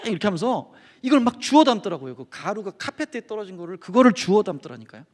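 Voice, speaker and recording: A middle-aged man giving a testimony sermon as guest speaker, telling his story with animated storytelling and acting out quoted friends. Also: sits high. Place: church sanctuary. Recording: long hall reverb.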